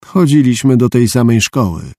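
Man voicing a calm, proud former soldier. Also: medium pitch, dry recording, clean studio sound, natural voice. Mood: polite. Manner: measured, polite.

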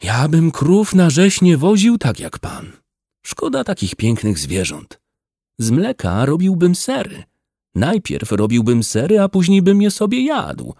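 A man voicing a poor, timid village man who pleads and cries in a high whine. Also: wildly swooping pitch, a little slow, dark tone, no room sound, studio quality, heavily acted. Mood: pleading. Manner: high whining voice, pleading and sobbing.

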